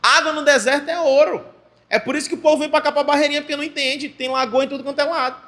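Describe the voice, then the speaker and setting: A man pastor with a Maranhão accent preaching a fervent sermon in church, often breaking into shouted exclamations. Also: extremely high pitch, steady tone, rapid-fire. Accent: Maranhão Portuguese.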